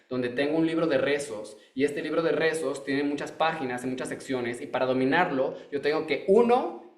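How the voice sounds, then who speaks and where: Echoey man teaching a class. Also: medium pitch. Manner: repetitive, restarts phrases while explaining. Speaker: Torah teacher. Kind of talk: online masterclass lecture.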